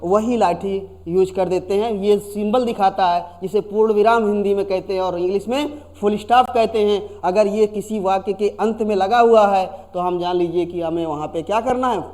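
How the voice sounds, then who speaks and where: A man's voice: sits high, fairly even intonation, moderate pace, hardly any pauses, a little mellow. A man teaching a grammar lesson to students, often repeating himself and asking them questions he then answers. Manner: repeats and asks the class questions.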